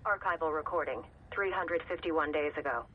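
Archival recording announcer. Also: male voice, on the high side, moderate pace. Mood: formal. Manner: flat announcing of recording labels. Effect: tinny old archival recording. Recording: tinny phone-like, faint hiss.

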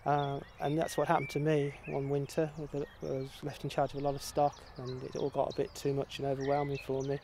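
A middle-aged man, a farm volunteer, answering interview questions outdoors in a quiet, hesitant way with many pauses. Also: mid-range voice, completely flat delivery, slight background noise. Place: outdoor field.

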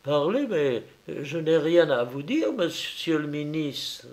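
A man reading an audiobook, voicing a sly, mocking police agent in a raised, gravelly voice. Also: on the high side, big pitch swings, takes it slowly, a little mellow, exaggerated voice. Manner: ironic, taunting.

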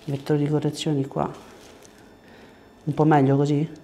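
A man in his thirties, working as a chiropractor, gives a patient short directions and explanations mid-treatment. He speaks at a moderate pace in a slightly high, warm, monotone voice, and his lapel mic picks up clear room noise in the small indoor space.

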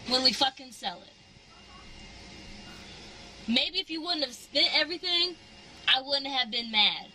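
A woman's voice: sits high, expressive, unhurried, pushed and bright. A young woman arguing casually in a blunt, insistent way. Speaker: wife being pranked. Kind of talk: casual argument. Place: inside a parked sports car. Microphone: camera held by passenger, a little away. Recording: noisy car interior with vehicle sound.

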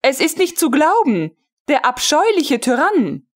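A woman's voice: very animated, a little slow. A woman playing an imperious jealous lady colonel. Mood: jealous, scolding. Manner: sharp, scolding, rising high.

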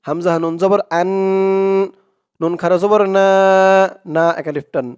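A man teaching Quran reading, chanting drawn-out syllables for students to repeat and adding quick, quieter explanations of pronunciation rules in Bengali-accented speech. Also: fairly high pitch, clear, resonant tone, no room sound. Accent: Bangladeshi Bengali. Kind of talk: slow recitation lesson with spoken explanations.

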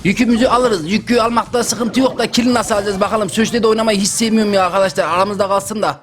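A young man giving loud, joking, exclamatory commentary while playing a mobile game. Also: high voice, steady tone, fast talker, faint music behind. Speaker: gaming YouTuber. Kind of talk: excited gameplay commentary.

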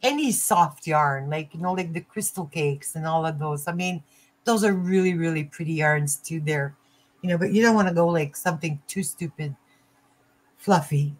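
An older woman chatting casually as a livestream host, halting and often rephrasing herself. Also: sits low. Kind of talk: casual chat. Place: small cluttered room at home. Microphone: computer mic on a video call.

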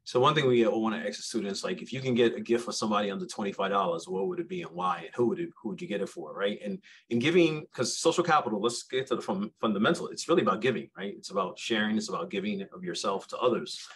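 A man's voice: on the low side, fast, few pauses, a bit bright, low-quality recording. A man who runs youth programs, speaking with energy on a video-call panel and often tossing in rhetorical "right?" questions. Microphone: webcam on a video call.

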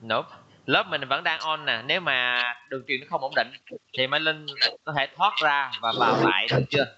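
Over a loud crowd, a man with a mid-range voice speaks at a moderate pace as he teaches English online, patiently drilling words and repeating them for the pupils. The recording is lo-fi, dull and carries noise.

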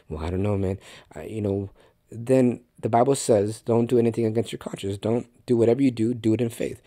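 A man's voice: mid-range voice, mellow, no room sound, studio quality. A man hosting a faith podcast, teaching in an earnest, conversational way with frequent restarts and direct remarks to the listener. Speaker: podcast host and Bible teacher.

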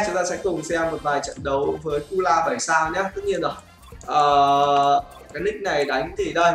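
Casting: male mobile-game YouTuber, slightly high voice, roomy echo with game music. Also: a bit bright. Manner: chatty, often asks "right, guys?". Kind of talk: casual gameplay commentary. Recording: echoey room with game music.

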